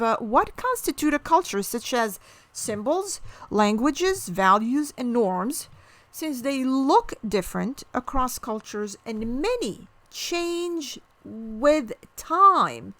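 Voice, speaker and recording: A woman's voice: sits high, fairly bright tone, no room sound. A middle-aged woman from Morocco, explaining culture and ethnicity in an educational talk, asking the viewer questions and giving examples.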